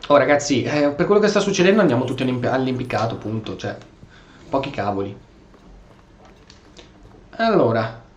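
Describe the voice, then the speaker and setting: With a medium-pitched voice that's a little fast and pauses often, a gameplay streamer, Italian by first language, delivers animated, exclamatory role-play commentary. The audio is roomy and slightly dull, with video game sound in the background.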